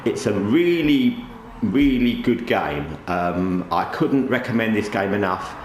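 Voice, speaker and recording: A man's voice: lowish voice, expressive, slow. A man hosting a gaming channel in casual, rambling commentary, talking with a towel over his head. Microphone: microphone under a towel draped over the head. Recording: roomy echo, faint background noise.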